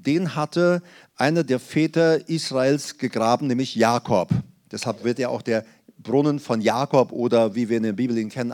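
A man preaching a sermon in an earnest, explanatory way, slowing down on key phrases and often hesitating. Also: medium pitch, a little mellow, dry recording, clean studio sound.

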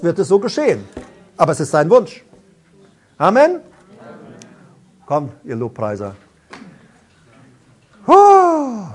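A man preaching a charismatic sermon in a rather high voice. He shifts from calm, quiet teaching to loud, fervent proclamation, breaking into long stretches of speaking in tongues. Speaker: pastor.

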